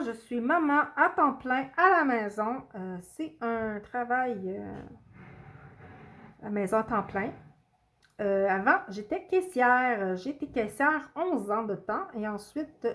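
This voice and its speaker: This woman runs a coloring channel and is doing a casual video tag, talking to viewers in a hesitant way full of fillers and frequent pauses. Her voice is a bit higher than typical for a woman, and she keeps apologizing and putting herself down.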